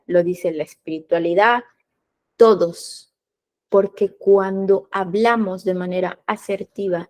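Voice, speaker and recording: A woman's voice: medium pitch, a little mellow. A woman hosting a podcast interview, explaining her points in a teaching way and answering her own rhetorical questions. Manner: didactic, asks rhetorical questions and answers them. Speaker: podcast host.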